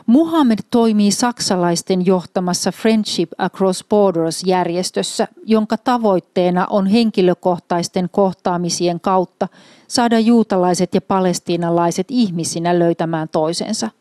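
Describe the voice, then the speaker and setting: A woman from Finland reading a scripted documentary voice-over in a calm, measured way. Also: fairly low pitch, dry recording, clean studio sound. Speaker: narrator.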